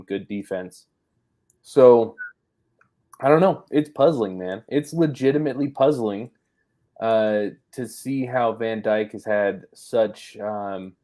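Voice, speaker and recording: A man's voice: fairly low pitch, darkish tone. A man co-hosting a casual postgame football podcast, talking it over in a thoughtful, hedging way with plenty of fillers. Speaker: sports podcast co-host.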